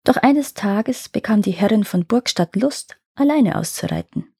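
A woman reading a fairy tale aloud in calm, measured narration. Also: mid-range voice, creaky, husky, dry recording, studio quality. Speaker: storyteller.

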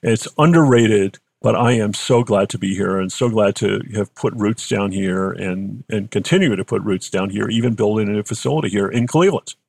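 A man's voice: fairly low pitch, normal speed, creaky, hardly any pauses, a little mellow, dry recording. An older man with a Boston accent tells stories in an interview in a conversational, discursive way, repeating phrases for emphasis. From Boston, United States. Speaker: company founder being interviewed.

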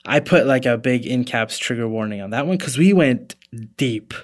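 A man's voice: mid-range voice, animated, moderate pace. Man, podcast co-host, casual chat, easygoing, hesitant, fillers.

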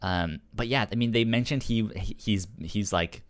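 Talking about comics in a relaxed way, this male podcast co-host has a fairly low voice and a normal speaking speed. He stutters, repeating syllables and sounds.

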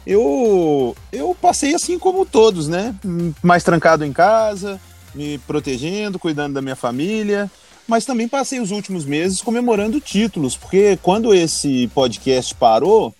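Male panellist, Brazilian accent, casual delivery, notably high voice, soft music bed. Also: big pitch swings, a little slow. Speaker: podcast panellist. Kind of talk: casual chat.

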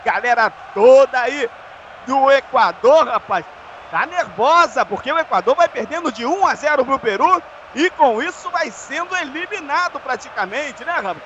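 A Brazilian man calls football live on radio in a colloquial, animated way. His voice is very high and bright, with a forceful edge. The recording is dull, with faint noise. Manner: colloquial, animated play-calling. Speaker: football play-by-play commentator.

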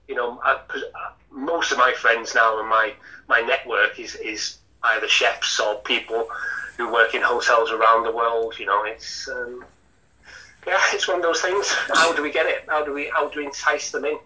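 A man's voice: mid-range voice, flat delivery, normal speed, pushed and bright, recorded from a distance, poor audio. A man, a hotel chef talking through an interview with many restarts. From Lancashire, England. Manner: chatty, rambling with frequent restarts.

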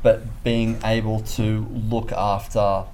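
A man's voice: lowish voice, little pitch movement, takes it slowly, darkish tone. A young Australian man with a lisp, a podcast guest talking casually and hesitantly with lots of ums. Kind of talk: casual interview chat.

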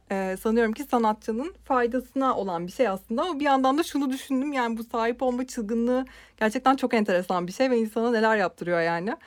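A woman co-hosts a film podcast in an easy, chatty way, her voice sitting a little high. She talks expressively, full of fillers, and the sound is close and dry with no room around it. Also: no room sound. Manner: expressive, laughs often, many fillers. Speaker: podcast co-host. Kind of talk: casual film chat.

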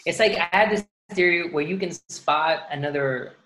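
Bright-voiced man, rambling and restarting. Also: a little high, normal speed. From Dallas, Texas. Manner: rambling, many restarts and fillers. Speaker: podcast guest. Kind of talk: casual podcast chat.

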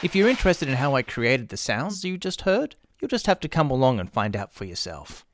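Music plays under this middle-aged Australian podcast host, who also creates drama workshops, as he reads a promotional script. His mid-range delivery is brisk and very animated, with slight background noise in the recording.

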